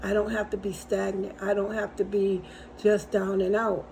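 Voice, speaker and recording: A woman's voice: medium pitch, little pitch movement, normal speed, creaky, a little mellow, slight background noise, poor audio. A middle-aged woman hosting a casual faith-based encouragement talk, speaking conversationally with repetitions and storytelling asides. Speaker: host and encourager.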